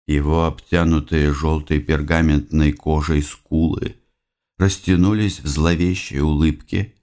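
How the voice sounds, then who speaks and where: Casting: deep-voiced male reader, wry and commanding first-person narration. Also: level tone, a little slow, darkish tone. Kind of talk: audiobook reading.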